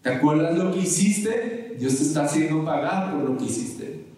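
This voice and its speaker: A man's voice: fairly high pitch, animated, moderate pace, warm tone, lightly acted. A man voicing the devil as a taunting accuser who needles the listener, in a mocking manner. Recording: echoey room, voice from mic distance.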